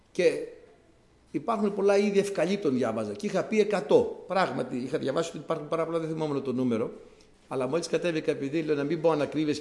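A man's voice: on the high side, roomy sound. A man preaching a sermon to his congregation, explaining scripture conversationally and repeating key words for emphasis.

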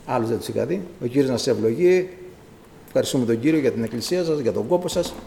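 A man's voice: medium pitch, lively intonation, creaky, mellow, slight background noise. A man preaching as a visiting preacher, impassioned and rising to emphatic cries. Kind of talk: sermon. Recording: echoey church hall.

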